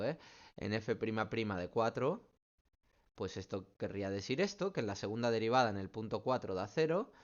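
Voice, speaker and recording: A man's voice: lowish voice, muffled recording. A man, a math teacher working through student questions in an online class, explaining step by step and checking in often. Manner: patient, explains step by step, keeps checking with "¿vale?".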